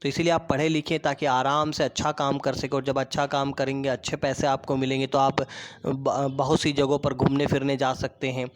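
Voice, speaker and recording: A man teaching an online school class, patiently explaining words and pausing so pupils can repeat them, with many restarts. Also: mid-range voice, little pitch movement.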